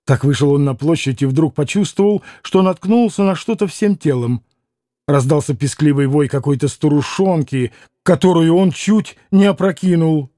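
A man narrating an audiobook in an expressive, dramatic reading style. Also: fairly high pitch, normal speed, dry recording, studio quality.

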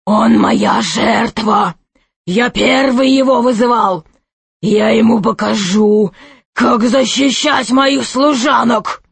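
A brutal, jealous knight voiced by a woman narrator makes slow, menacing threats. The voice is dry and close. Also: on the high side, gravelly, slightly rough, no room sound, full character voice. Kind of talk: audiobook character voice.

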